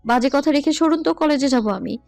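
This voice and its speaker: A woman's voice: sits high, lively intonation, brisk, gravelly, a little mellow, dry recording, soft background music. A woman playing a stubborn young student who talks back with defiance and a teasing, playful edge in an audio love story. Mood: defiant.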